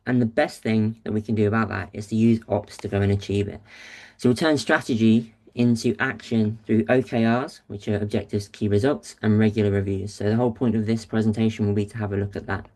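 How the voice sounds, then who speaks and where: Mellow-voiced man hosting a webinar. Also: on the low side, fairly even intonation, a little fast. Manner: casual, upbeat presenter with fillers. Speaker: webinar host, agency founder. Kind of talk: presenting a business webinar.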